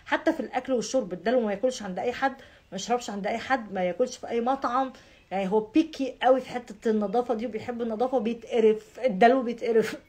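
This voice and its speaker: A woman's voice: fairly high pitch, very fast, a little mellow. A woman with an Egyptian Arabic accent, chatting casually to her viewers and stressing points by repeating words over and over. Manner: emphatic, piles up repeated words. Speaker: astrology vlogger.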